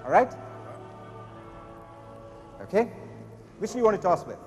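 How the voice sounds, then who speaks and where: A young man with a high, sing-song voice and a darkish tone delivers unhurried, playful stage magician patter, showy like a kids' party magician, as he instructs his audience. He's on a large auditorium stage, and the echoey hall adds long reverb over faint music.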